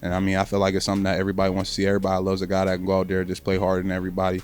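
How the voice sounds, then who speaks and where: A man's voice: low-pitched, monotone, very fast, darkish tone. A young man, a college basketball player, answering interview questions in a casual, slangy, earnest way. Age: young adult.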